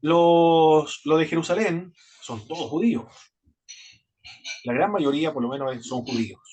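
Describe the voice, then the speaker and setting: Husky Chilean man giving a Bible lecture. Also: a little high, darkish tone. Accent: Chilean Spanish. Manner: halting, many restarts and repeated words. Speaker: Bible institute teacher. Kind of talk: classroom lecture.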